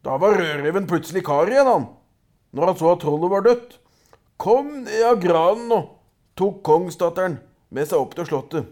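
A man reading a folk tale aloud in a lively storytelling way, with small hesitations. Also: high-pitched.

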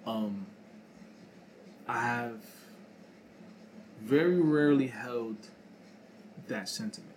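A man's voice: medium pitch, slow, pauses often. A man in casual podcast chat, thinking aloud with frequent fillers and hesitations. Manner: reflective, hesitant with many fillers. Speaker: podcast co-host. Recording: noisy room recording.

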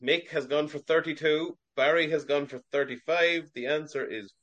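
A man as quiz master, reading sports questions at a measured, steady pace over a video call. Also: on the high side.

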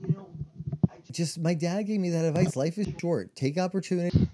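Rambling, dark-voiced man telling stories. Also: high voice, fairly quick, slight background noise. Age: 40s. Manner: rambling storyteller full of "like" and "you know". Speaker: podcast co-host. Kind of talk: casual chat, storytelling.

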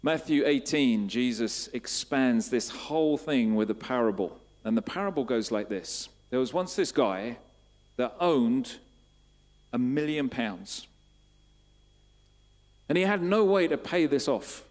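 A man preaching a sermon, asking repeated questions and building to emphatic, louder bursts. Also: mid-range voice, animated, measured pace.

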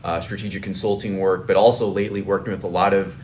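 Deep-voiced man explaining as a podcast guest. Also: flat delivery, fast, a little mellow, slight background noise. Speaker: podcast guest, financial advisor. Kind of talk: conversational professional explanation.

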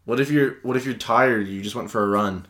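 Low-voiced, jokey young man. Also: brisk, a bit bright. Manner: laughs often, jokey, swears casually. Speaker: podcast co-host. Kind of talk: casual chat.

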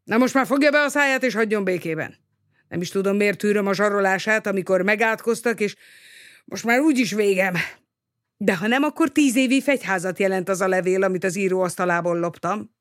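A reader voicing a heavy, weary and bitter middle-aged male smuggler who speaks in a hoarse, tearful voice and keeps sighing. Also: mid-range voice, fairly bright tone, dry recording, clean studio sound, natural voice. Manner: sighing, grumbling.

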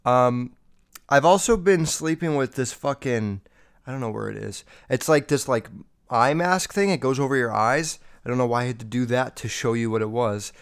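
Speaking at normal speed in a smooth, medium-pitched voice, this young podcast host rambles solo into his podcast mic, swearing heavily and leaning on fillers. He sounds slightly nasal because he's feeling sick and a bit under the weather.

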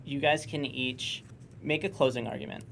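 A man's voice: medium pitch, steady tone, moderate pace, creaky, fairly bright tone, a little hiss or hum. A man guest-hosting a casual podcast, handing out scores in a playful, mock-official way. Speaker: guest co-host.

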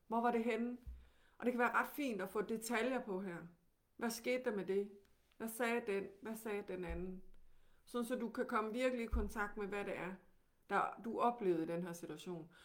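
A woman with a Danish accent teaching, who guides calmly and gently with many questions. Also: a little high.

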